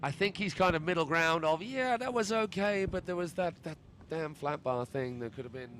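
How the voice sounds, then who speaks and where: A man's voice: on the high side, fairly even intonation, fairly quick, fairly bright tone, slight background noise. A man with an English accent giving live sports commentary, chatty and colloquial, with jokey asides. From England.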